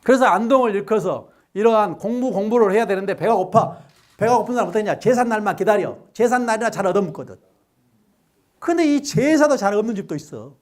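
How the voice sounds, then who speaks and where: A man's voice: high voice, animated, fast. A middle-aged lecturer talks to a live audience. His voice rises and falls a great deal. He cracks jokes, fires questions at the crowd and leads them in repeating words back. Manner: joking, quizzes the audience and has them repeat after him.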